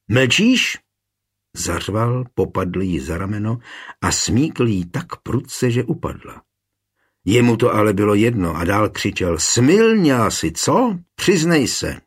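A man with a low, husky voice narrates a historical story at a measured, even pace. His breathy tone stays calm throughout. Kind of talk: audiobook narration.

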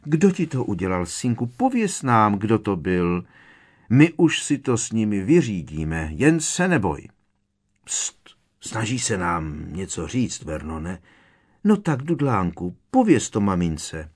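A man voicing a shrill, fussing aunt who coos and frets over her son in a high, frantic voice. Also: sing-song, a little mellow, husky. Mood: frantic cooing.

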